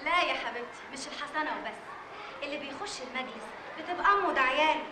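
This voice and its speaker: An actress playing a chatty, opinionated schoolteacher with an Egyptian accent. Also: female voice, high voice, rapid-fire, roomy sound, a crowd in the background, background noise, natural voice. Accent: Egyptian Arabic.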